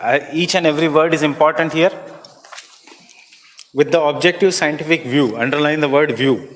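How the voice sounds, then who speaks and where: A man with an Indian accent teaching an exam-prep class, dictating slowly and repeating each phrase so students can write it down, then explaining in a mix of Hindi and English. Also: on the high side, big-room sound.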